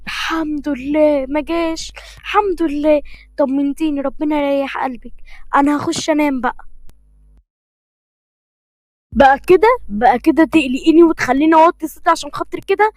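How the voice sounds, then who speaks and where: A woman's voice: sits high, fast talker, a little mellow, dry recording, natural voice. A woman voicing a stern, scolding mother with an Egyptian accent. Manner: scolding, mock-threatening.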